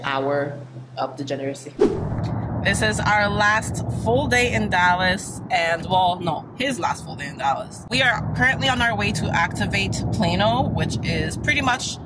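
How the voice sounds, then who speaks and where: A woman's voice: mid-range voice, lively intonation, normal speed, heavy background noise. A young woman narrating a travel vlog in a chatty, upbeat way, talking to a handheld camera. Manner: chatty, upbeat, laughs easily. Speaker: travel vlogger. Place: car, restaurants and outdoor park. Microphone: handheld camera at arm's length.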